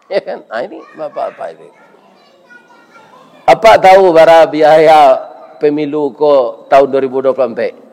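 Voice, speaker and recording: Older village preacher, Minangkabau accent, chatty and bantering, voice sits a little high. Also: male voice, normal speed, long pauses, mellow. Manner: folksy, bantering, keeps asking "iya kan?". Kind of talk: village sermon with crowd questions.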